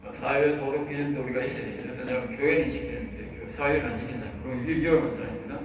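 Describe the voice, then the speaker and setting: A man's voice: medium pitch, steady tone, racing. A man with a Gyeongsang Korean accent, a pastor lecturing a seminary class. He talks emphatically, repeats key phrases and keeps checking that his listeners follow. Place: church lecture room. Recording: very echoey room, mic at a distance, faint background noise.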